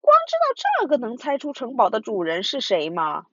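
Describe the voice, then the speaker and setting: A woman's voice: fairly high pitch, huge pitch swings, normal speed, dry recording, lo-fi sound. A woman voicing a clever, curious little boy bear cub in a storybook reading. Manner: bright, eager questioning.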